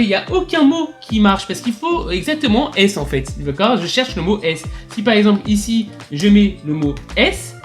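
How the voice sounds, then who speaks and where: Un homme qui explique pas à pas un tutoriel de programmation, sur un ton bavard, en invitant sans cesse à regarder et en épelant les lettres. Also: male voice, high-pitched. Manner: chatty, repeatedly urging viewers to look, spelling out letters. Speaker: coding tutorial host. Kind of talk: screen-recorded tutorial explanation.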